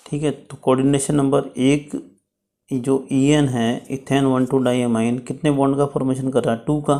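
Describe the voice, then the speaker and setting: A man's voice: mid-range voice, dark tone. A man teaching chemistry in a step-by-step lecture, checking in often with his students. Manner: explains slowly, checks with "ठीक है".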